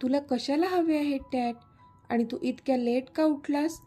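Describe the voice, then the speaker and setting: A woman voicing a calm, caring middle-aged mother who explains things soothingly. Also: high voice, moderate pace, soft background music, lightly acted.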